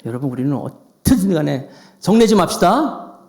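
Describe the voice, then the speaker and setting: A man preaching a Sunday sermon as pastor, animated, acting out quoted voices. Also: a little high, normal speed, vocal fry.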